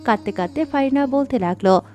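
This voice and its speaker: Woman reading a dramatic story aloud, slightly high voice, soft music behind. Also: a little fast. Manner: dramatic, expressive. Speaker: narrator. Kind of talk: scripted story narration. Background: faint background music.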